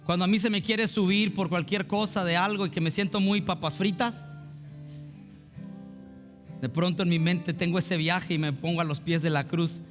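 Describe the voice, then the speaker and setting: A man's voice: sits high, fairly even intonation, normal speed. A man preaching a fervent, emotive sermon as pastor at a church service. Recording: reverberant hall with soft guitar.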